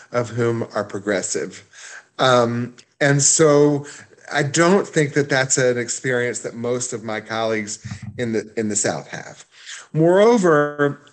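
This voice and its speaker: A man's voice: mid-range voice, a bit bright. A man who is a rabbi, answering interview questions in a thoughtful way, often repeating words as he gathers his thoughts.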